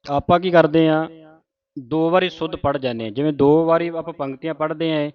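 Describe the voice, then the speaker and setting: A man teaching how to pronounce scripture, reciting verses slowly and then explaining each letter and pause. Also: on the high side, steady tone, clear, resonant tone, muffled recording. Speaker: Gurbani pronunciation teacher. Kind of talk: scripture pronunciation lesson.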